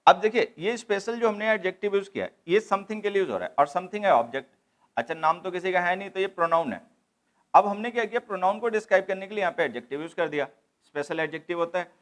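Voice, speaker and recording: A man teaching grammar in a slightly high voice. He breaks each rule down patiently and circles back to the main points. He lectures in the tone of a classroom. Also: expressive, quick pace, fairly bright tone. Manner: explains step by step, repeats key points, mixes English terms into Hindi.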